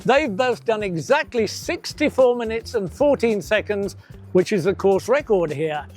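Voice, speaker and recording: A man narrating a measured, analytical preview of a half marathon field. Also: high-pitched, expressive, soft background music. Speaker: commentator. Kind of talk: scripted race preview narration.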